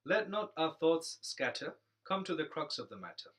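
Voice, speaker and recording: A man's voice: a little high, big pitch swings, normal speed, fairly bright tone. A man reciting rhyming comic verse in a playful, sing-song way.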